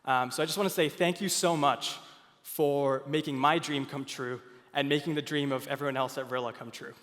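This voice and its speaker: Speaking briskly with a steady tone, a young Finnish man presents a product on stage at a conference, earnest yet full of fillers and restarts. His voice is medium-pitched and a bit bright; the large hall gives a long reverb, with slight background noise.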